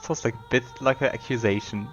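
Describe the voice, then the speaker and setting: A man's voice: mid-range voice, steady tone, fairly quick, dull audio. A man hosting a let's play, giving casual commentary on a game. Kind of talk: casual game commentary with read-aloud dialogue. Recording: game music under the voice.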